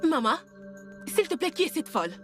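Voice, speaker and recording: An indignant spoiled young princess. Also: female voice, high voice, big pitch swings, fairly bright tone, soft background music. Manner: scolding, indignant, rapid. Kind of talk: French dub of a film.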